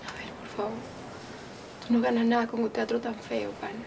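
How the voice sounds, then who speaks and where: A woman's voice: on the high side, level tone, fairly quick, creaky, noisy background. An actress with a Venezuelan accent playing a heartbroken young woman who reproaches her lover with slang, in a telenovela. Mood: hurt. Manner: hurt, reproachful, speaks in slang. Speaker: Cira. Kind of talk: telenovela acting.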